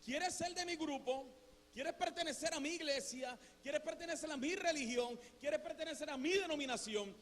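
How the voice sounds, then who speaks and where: A pastor preaching a lively, conversational sermon, full of rhetorical questions. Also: male voice, very high voice, long reverb tail. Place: church sanctuary.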